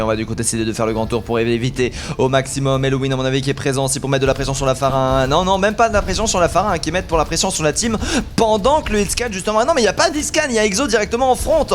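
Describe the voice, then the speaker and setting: A man doing live esports commentary as a caster, with excitable, exclaiming play-by-play. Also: mid-range voice, a little hiss or hum.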